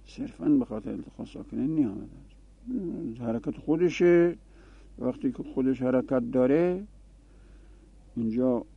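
A man's voice: medium pitch, gravelly, breathy edge, no room sound. A man giving a classroom grammar lesson, explaining rules and repeating example forms aloud. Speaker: Arabic grammar teacher. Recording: tinny phone-like dry recording.

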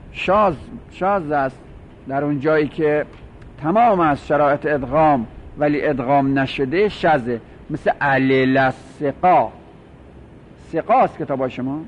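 A man's voice: a little high, slight background noise. Man teaching a grammar class, lo-fi. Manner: explaining and repeating terms, asking students questions. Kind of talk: Arabic grammar lesson. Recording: dull lo-fi recording.

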